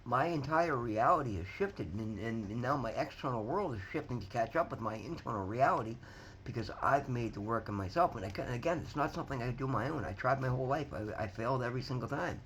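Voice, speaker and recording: A man's voice: medium pitch, lively intonation, quick pace, fairly bright tone, slight background noise, poor audio. A man in his fifties giving an earnest, rambling motivational talk to his viewers, often restarting sentences and repeating words as he goes. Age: 50s. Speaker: vlogger sharing recovery story. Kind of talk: casual motivational talk to camera.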